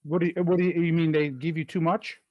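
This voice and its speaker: A man hosting a podcast, interviewing a guest in a halting way with restarts and fillers. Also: a little high, little pitch movement, dry recording, lo-fi sound. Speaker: podcast host.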